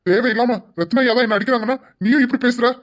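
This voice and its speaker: A frightened man in a drama, voiced by a performer pleads his innocence again and again in an even, middle-pitched voice. He sounds defensive and desperate to be believed. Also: fast, natural voice. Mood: pleading.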